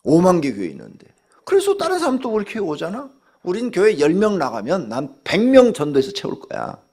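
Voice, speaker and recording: An older male pastor delivers a dawn sermon in a blunt, scolding way, acting out bits of dialogue. His voice is gravelly and a little husky. His pitch swings hugely, from low murmurs up to sharp, high bursts. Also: huge pitch swings, brisk.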